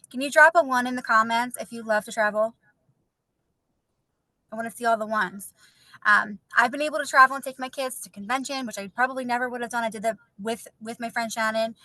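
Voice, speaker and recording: Fast, bright woman in MLM recruiter mode. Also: on the high side, no room sound, poor audio. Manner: gushing, encouraging MLM recruiter talk. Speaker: MLM recruiter co-presenting an opportunity call. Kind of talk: casual online presentation. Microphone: video call.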